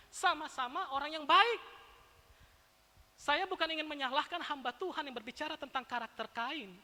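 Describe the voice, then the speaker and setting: Woman preacher, high bright voice, emphatic and playful, reverberant church. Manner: emphatic, rhetorical questions, playful asides to congregation. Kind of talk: sermon. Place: church sanctuary. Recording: long church-hall reverb.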